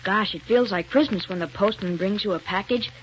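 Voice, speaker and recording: Man voicing a chirpy boy pitchman, slightly high voice, dull hissy old radio recording, eager and exclamatory. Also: brisk, a bit bright. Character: cheerful American boy mascot, eager salesman. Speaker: commercial spokesman character. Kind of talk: 1930s radio commercial.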